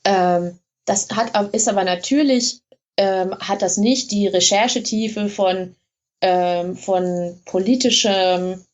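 A woman's voice: medium pitch, slow pace, muffled recording. A woman blogger being interviewed, explaining things in a chatty way with frequent hesitations. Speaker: blogger in Russia, guest. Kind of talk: casual interview.

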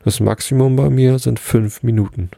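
A man's voice: mid-range voice, steady tone, moderate pace, vocal fry, warm tone, no echo, clean studio sound, voice pushed up. A man voicing a cheeky, defiant little male rabbit in a bedtime story.

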